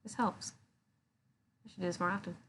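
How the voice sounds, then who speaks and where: A woman's voice: fairly low pitch, fairly even intonation, normal speed, a bit bright. A woman chatting casually and playfully on a live stream, talking with a sore jaw that she can't open far after dental surgery. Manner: playful, giggly. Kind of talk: casual chat. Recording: noticeable background noise.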